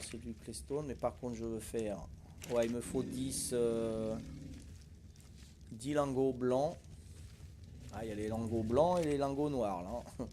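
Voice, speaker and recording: Over a noisy background, an older man from Corsica streams a survival game live, chatting casually to viewers in a mid-range voice. He's folksy and talkative, with many hesitations and tag words.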